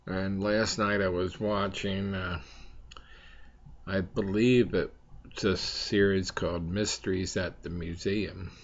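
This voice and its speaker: A man hosting a casual, rambling chat for viewers, speaking in a halting, hesitant way with long pauses, on a slightly dull recording. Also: low-pitched. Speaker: host of a pipe smoking chat vlog.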